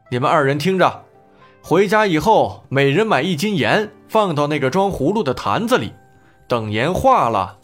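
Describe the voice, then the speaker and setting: A man voicing a shrewd, stern male magistrate who gives commands and scolds the people in his court. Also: on the high side.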